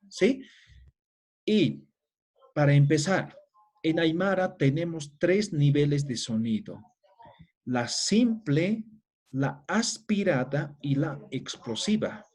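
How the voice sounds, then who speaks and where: With a fairly high, slightly mellow and husky voice, a middle-aged man gives a classroom-style language lecture. He breaks things down step by step, checking in with his listeners through tag questions after almost every phrase.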